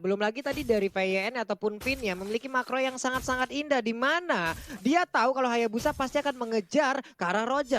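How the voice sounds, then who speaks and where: A man's voice: very high voice, a bit bright. A man with an Indonesian accent giving live commentary on an esports match.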